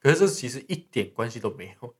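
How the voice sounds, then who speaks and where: A man's voice: mid-range voice, sing-song, fast talker. A man with a mid-range voice co-hosts a laid-back podcast chat. He mostly reacts to his partner, cutting in with short questions and quips. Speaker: podcast co-host. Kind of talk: casual chat.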